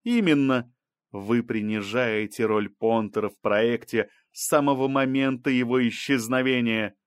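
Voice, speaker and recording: A man's voice: mid-range voice, a little slow, clear, resonant tone, no echo, clean studio sound, natural voice. A man reading an audiobook, voicing a male scientist on trial who protests and pleads his case. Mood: protesting.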